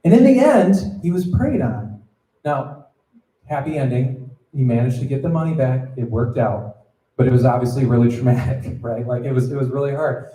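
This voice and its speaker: In an echoey room, the youth pastor speaks at normal speed with an animated, dark-toned, mid-range voice. He chats with the students, checks they're following, and imitates the people in his stories.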